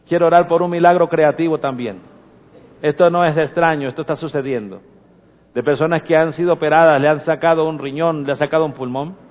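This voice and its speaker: A man preaching a fervent sermon as pastor, swinging between soft prayer and loud declarations. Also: on the high side. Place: church sanctuary. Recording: dull lo-fi church recording with long reverb.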